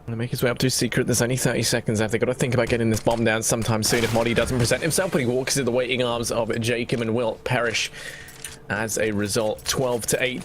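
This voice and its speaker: A man's voice: medium pitch, slight background noise. A man working as an esports caster, giving flowing, dramatic play-by-play commentary on a shooter match with colourful flourishes.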